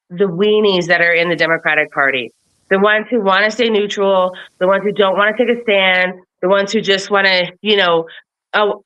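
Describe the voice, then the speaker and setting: A woman's voice: medium pitch, sharp tone, clear, resonant tone. A woman in a casual political chat, blunt and profane, ranting about local politics. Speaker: political commentator. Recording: slightly dull lo-fi audio.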